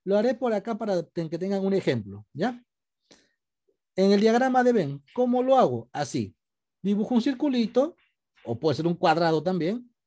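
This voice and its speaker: Male teacher, patient and step-by-step, video call, very animated pitch. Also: moderate pace. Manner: patient, explains step by step, asks students questions. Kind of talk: online class lesson.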